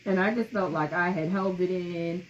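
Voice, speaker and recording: A woman's voice: on the low side, fairly even intonation, normal speed, lo-fi sound, a little hiss or hum. A woman co-hosting a casual podcast conversation, telling things in a candid, emphatic way. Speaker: podcast co-host.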